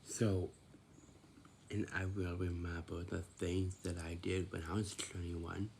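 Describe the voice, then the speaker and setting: Slow, gravelly young man. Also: sits low, little pitch movement, a little mellow, a little hiss or hum. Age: 20s. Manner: repetitive, asks himself questions and answers them. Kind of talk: casual talk to camera.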